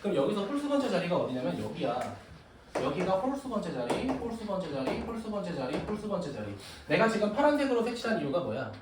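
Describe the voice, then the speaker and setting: A man's voice: high-pitched, big pitch swings, fast talker. A man teaching a math class, joking and teasing his students as he explains. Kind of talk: classroom lecture. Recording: echoey room, recorded from a distance with noise.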